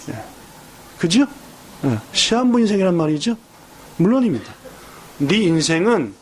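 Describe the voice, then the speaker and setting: A male pastor preaching a sermon in church, who keeps asking the congregation questions in an animated way. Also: a little high.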